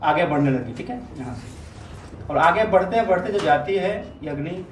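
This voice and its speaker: A man's voice: fairly high pitch, expressive. A man teaching a history class, repeating key terms and often checking whether his students follow. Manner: keeps checking understanding with quick questions. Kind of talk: classroom lecture. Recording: echoey room, mic at a distance, faint noise.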